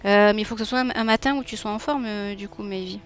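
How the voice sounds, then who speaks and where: Talking fast in a mid-range voice over faint music, a young illustrator with a southern French accent from Nîmes draws on a live stream. She's chatty and warm with her viewers, laughs a lot, and reads the chat out loud.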